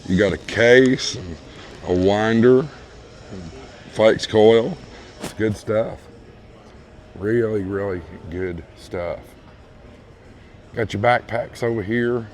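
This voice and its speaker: A hoarse man whose voice is fading leads a relaxed phone-camera walkthrough of a large indoor retail store, calling his viewers folks and repeating his praise. His fairly low, darkish voice moves slowly with long pauses, and there's slight background noise.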